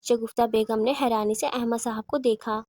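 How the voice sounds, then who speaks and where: A woman narrates a horror storybook at a steady, even pace. Her voice sits fairly high, and the recording is dry and close. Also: no room sound. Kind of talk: audiobook horror reading.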